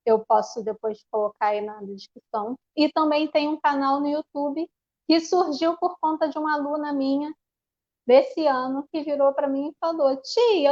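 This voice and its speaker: Presenting on an online panel from home, a woman teacher with a Brazilian Portuguese accent explains a classroom activity over video call, often restarting and filling pauses. She sits high in pitch with a darkish tone, and the recording is muffled.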